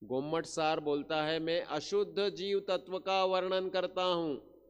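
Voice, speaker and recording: A man giving a Jain religious discourse, stretching out chanted verses slowly and breaking into quick asides to his listeners. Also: a little high, steady tone, clean tone, lo-fi sound. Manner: slow, drawn-out chanting of verses, then quick asides to the audience. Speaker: Jain pravachan speaker. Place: large hall at a Jain pilgrimage site. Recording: long hall reverb.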